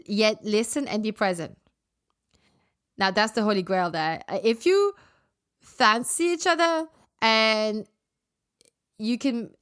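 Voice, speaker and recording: Chatty woman with a smooth voice. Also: medium pitch, a bit bright. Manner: chatty, frank, full of fillers and asides. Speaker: podcast host. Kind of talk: casual solo podcast chat.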